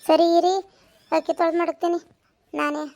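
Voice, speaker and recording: Woman doing a feisty village daughter-in-law, high voice, talks back, comedy skit. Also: level tone, moderate pace, vocal fry, darkish tone. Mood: arguing. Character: defiant young daughter-in-law, quick to argue.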